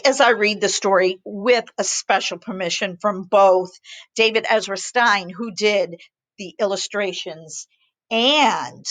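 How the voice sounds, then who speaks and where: Woman, teacher, children's read-aloud, sing-song, slow, dry close sound. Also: medium pitch, no room sound. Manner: animated, sing-song, speaking to young children. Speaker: teacher reading bedtime stories.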